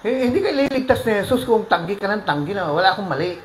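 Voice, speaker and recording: A pastor preaching a sermon, mixing English phrases into his talk, with sudden loud rises and soft drops. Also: high voice, big pitch swings, fast talker, roomy sound, a little hiss or hum, rough recording.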